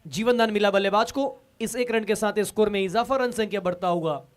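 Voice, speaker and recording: A man's voice: high voice, fairly quick. A man commentating on live cricket, discussing the match with a partner and addressing viewers. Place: commentary box at a cricket ground.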